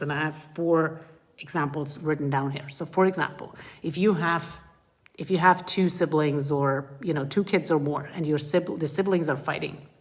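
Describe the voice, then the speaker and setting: Earnest woman coach with a low voice. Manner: earnest, animated, often acts out parent and child lines. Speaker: parenting coach. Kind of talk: live group coaching talk.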